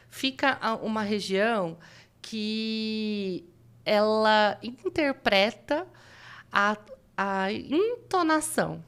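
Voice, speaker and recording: A Brazilian woman with a São Paulo state accent, a guest audiologist explaining how hearing works as if giving a lesson, lively and full of restarts. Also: medium pitch.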